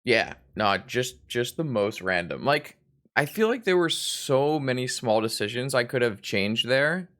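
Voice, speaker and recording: A man's voice: medium pitch, sing-song, unhurried, fairly bright tone. A hungover man giving rambling, self-deprecating live commentary on a card game stream, swearing casually.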